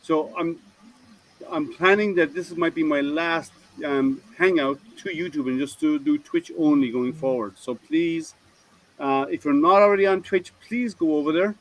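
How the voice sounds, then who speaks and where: A man's voice: fairly high pitch, normal speed, slight background noise, low-quality recording. A male livestream host with a voice sitting a little above the usual male range. He chats casually and rambles, often stopping and restarting his sentences as he greets viewers. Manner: chatty, rambling with frequent restarts.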